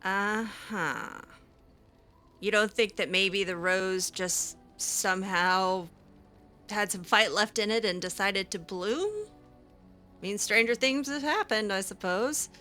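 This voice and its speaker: With faint music in the background, a woman speaks slowly in a mid-range, pushed and bright voice while roleplaying over a video game. She keeps the in-character chat casual, hesitant and wry, dropping in lots of ums.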